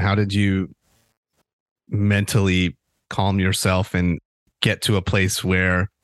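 A man's voice: sits low, dry recording, clean studio sound. A man hosting a sports podcast, asking long, winding interview questions.

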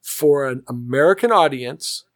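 A man's voice: medium pitch, animated, unhurried, no room sound, clean studio sound. A man co-hosting a podcast, chatting casually and telling stories with enthusiasm. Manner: enthusiastic storyteller, frequent restarts. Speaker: podcast co-host. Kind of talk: casual chat. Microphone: podcast mic in a living room.

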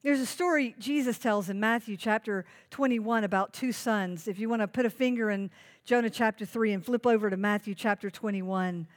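Preaching at a moderate pace in a medium-pitched voice, a woman pastor hammers home her main points by saying key phrases more than once for note-takers. She also poses questions directly to the congregation.

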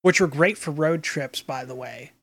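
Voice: mid-range voice, moderate pace, creaky, fairly bright tone. A speaker in a casual chat who tells wandering, reminiscing stories. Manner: meandering, reminiscing storytelling.

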